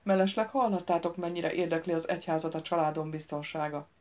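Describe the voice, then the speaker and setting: A loyal farmer and former archer, read by a woman, speaking earnestly and steadily in a fairly low voice. The audiobook sound is dull and lo-fi. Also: steady tone, darkish tone, natural voice. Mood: resolute.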